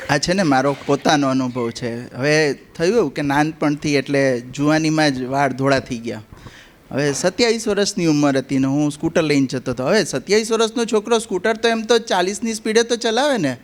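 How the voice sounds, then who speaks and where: A man's voice: fairly high pitch, fairly quick, slight background noise. A middle-aged man with a Gujarati accent, telling funny anecdotes to an audience and building each one up to its punchline. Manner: storytelling with rising punchlines. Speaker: comic speaker at a spiritual gathering. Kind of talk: humorous anecdotes told to an audience.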